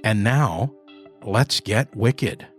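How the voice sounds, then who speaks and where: A man's voice: fairly low pitch, drawn-out words, soft background music. A man hosting a podcast in a scripted presenter style. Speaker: podcast host and narrator.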